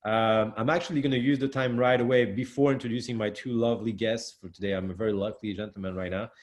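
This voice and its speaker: A man's voice: lowish voice, fairly even intonation, fast talker. A man with a French accent hosting an online panel webinar, talking with many fillers and restarts. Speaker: webinar host.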